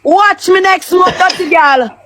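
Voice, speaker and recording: A woman with a Jamaican accent shouting crude, repetitive taunts in a heated live-stream argument. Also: very high voice, a little slow, crowd noise.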